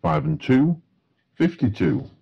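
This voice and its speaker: Slow, gravelly male bingo caller. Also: on the high side, big pitch swings, dull audio. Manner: formulaic, matter-of-fact bingo caller delivery. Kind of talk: bingo calling, each number announced in a set phrase.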